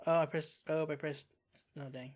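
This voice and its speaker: A reaction channel host talking casually about a TV episode, expressive and quick to exclaim and sigh. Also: mid-range voice. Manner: expressive, exclaims and sighs often.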